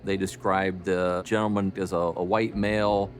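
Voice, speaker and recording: A man speaking as a detective in a documentary interview, recounting case facts in deliberate, official phrasing. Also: low-pitched, little pitch movement, soft background music.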